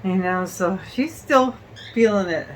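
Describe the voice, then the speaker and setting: A woman's voice: medium pitch, slight background noise, rough recording. A woman vlogging at home in a casual chat, short of breath from illness and rambling with fillers. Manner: rambling, halting with fillers and laughs.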